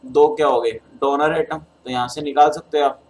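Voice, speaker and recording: Speaking at normal speed in a voice that's on the high side and a little mellow, a man keeps his intonation fairly even. He has a Hindi accent and a sore throat and teaches chemistry by working through an exam paper step by step, calling his students beta.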